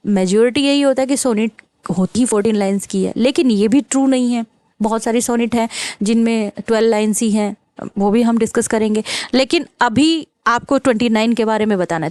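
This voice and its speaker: A woman's voice: a little high, no echo. Woman teaching in a close, dry room. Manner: explains in Hindi mixed with English, reads questions slowly. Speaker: literature teacher. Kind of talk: exam prep lesson.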